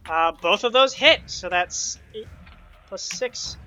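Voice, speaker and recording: A man acting as game master, calling rolls and damage and narrating the action in bursts. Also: sits high. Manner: quick rules talk broken by animated narration.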